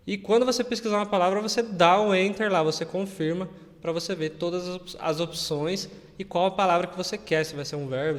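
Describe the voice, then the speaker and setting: A man's voice: a little high, long reverb tail. A Brazilian man teaching English in a casual video lesson, chatty and often checking that viewers follow. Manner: chatty, keeps checking in with listeners.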